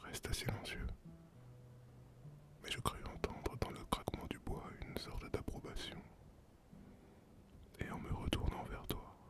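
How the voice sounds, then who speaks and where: Voicing a solitary former pirate turned sea captain, the performer uses a breathy, unvoiced whisper in this role-play. The delivery stays close to an everyday voice, unfolding as slow, poetic storytelling directed at the listener.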